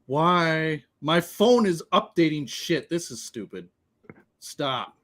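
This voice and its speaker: A man hosts a livestream from his laptop, chatting casually, laughing often and swearing freely. His voice sits a little high and is fairly bright, with lively intonation but a slow pace. The audio comes through a laptop microphone on a remote call.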